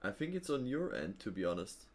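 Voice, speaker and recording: Hosting a live trading stream, this fairly low-voiced man sounds relaxed and conversational. He reasons aloud, leans on filler words, and lets out frequent quick chuckles as he responds to his audience.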